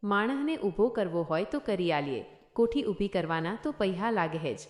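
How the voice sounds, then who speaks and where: A woman's voice: medium pitch, expressive, normal speed, lightly acted. A woman voicing a cheeky working-class male porter who haggles in a blunt rustic dialect. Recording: echoey room.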